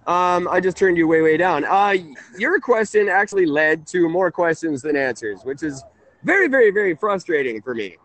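Lively high-voiced talk show host man. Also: normal speed. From Canada. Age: 30s. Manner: rambling, self-correcting. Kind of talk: casual call-in talk show.

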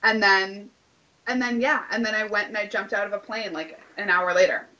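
A woman's voice: mid-range voice, fairly even intonation, normal speed, bright, forceful tone, highs cut off. A woman in her late twenties telling a story casually, full of fillers and acted-out quotes of what everyone said. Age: late 20s. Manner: chatty, lots of "like", acts out quoted dialogue.

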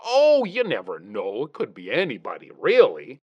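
A man's voice: medium pitch, wildly swooping pitch, moderate pace, breathy edge, dry recording. A man hosting a comic podcast and talking over the phone, rambling in a folksy way with plenty of "you know" and "uh". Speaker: podcast host. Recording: dull, dry phone line sound.

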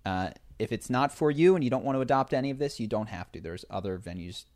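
A man's voice: medium pitch, fast. A young man co-hosting an advice podcast, telling stories in casual chat and laughing often. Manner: laughs often, animated storytelling. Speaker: podcast co-host.

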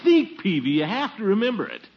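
A plump, pompous, put-upon family man in an old radio comedy. His fairly high voice swoops theatrically as he grumbles, over a noisy vintage broadcast. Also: huge pitch swings, a little fast, dull audio, full character voice. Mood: eager, scheming. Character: plump, pompous, put-upon middle-aged male head of household. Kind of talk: 1940s radio comedy acting.

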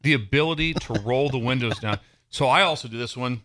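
A man from Nebraska, co-hosting a casual sports podcast, telling stories in an excitable, animated way and laughing often. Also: medium pitch, a little fast. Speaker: podcast co-host.

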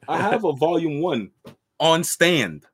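A man with a hoarse, half-gone voice from a cold, co-hosting a podcast in slangy, casual chat peppered with "bro". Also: on the high side, sing-song, slow pace, fairly bright tone, no room sound. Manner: slangy, says bro constantly. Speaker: podcast co-host. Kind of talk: casual hyped-up anime chat.

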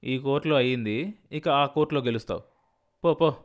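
A man's voice: mid-range voice, normal speed, close to an everyday voice. A man voicing a bitter, ruined middle-aged landowner who talks curtly and mockingly to his wife. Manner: curt and mocking.

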